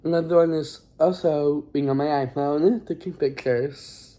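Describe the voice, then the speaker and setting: Filming a laid-back recap vlog on their phone, this teen high schooler talks haltingly, rambles and keeps apologizing, all in a steady, dark-toned voice.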